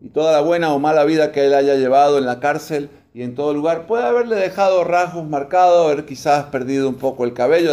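A man's voice: a little high, darkish tone. A man over forty preaching a sermon, reading scripture aloud and putting questions to his congregation. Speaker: pastor.

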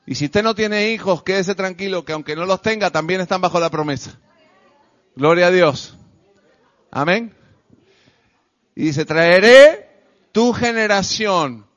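A man preaching a sermon to a congregation, emphatic and repetitive, swinging between loud declarations and quiet, soft lines. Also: sits high, normal speed, long pauses. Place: church service with a congregation. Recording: dull lo-fi recording.

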